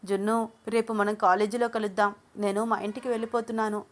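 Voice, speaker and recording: A woman voicing Anu, a hurt and defiant young woman who shifts from tearful pleading to shouting. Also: medium pitch, level tone, a little fast, close to an everyday voice. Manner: tearful then shouting angrily.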